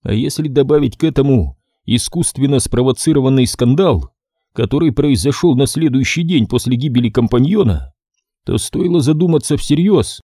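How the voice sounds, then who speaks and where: A man reads a first-person detective story aloud in a wry, expressive manner. His voice is dark and mellow, with a lively pitch that moves freely. The recording is close and dry. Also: normal speed, slightly rough, no room sound. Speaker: audiobook narrator.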